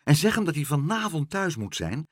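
A fussy, worried older gentleman, voiced by a man frets aloud in a somewhat raised, husky voice that swings up and down a lot. The sound is close and dry. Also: on the high side, very animated, normal speed, no room sound, voice pushed up. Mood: insistent. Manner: worried, fretful.

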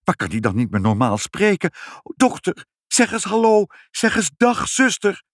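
A fussy hospital nurse from a children's story, scolding in a raised, swooping voice, put on by a man reading aloud. Her lines jump high with alarm and indignation. The sound is close and dry. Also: sing-song, normal speed, no room sound, close to an everyday voice.

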